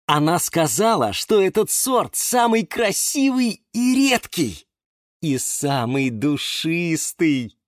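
A man's voice: a little high, big pitch swings, slow pace, no room sound, clean studio sound, pitched above the performer's own voice. A man voicing a cheerful young man in love, beaming and sing-song, in a children's storybook.

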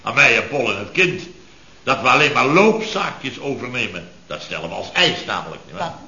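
Bragging scheming boss in an old radio play, really sharp cutting voice, choppy little phrases, muffled roomy sound. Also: male voice, mid-range voice, big pitch swings, normal speed, heavily acted. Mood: boasting. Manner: clipped, fragmented bragging with "nietwaar?" tags. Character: boastful, scheming middle-aged male business boss. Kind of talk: 1960s radio serial acting.

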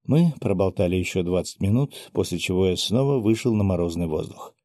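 Low dark-voiced male narrator. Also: fairly quick, no room sound, studio quality. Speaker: audiobook narrator. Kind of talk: first-person fantasy audiobook narration.

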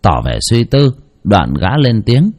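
A man narrating a spooky folk story in an expressive storytelling voice, with mocking asides. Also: on the low side, measured pace.

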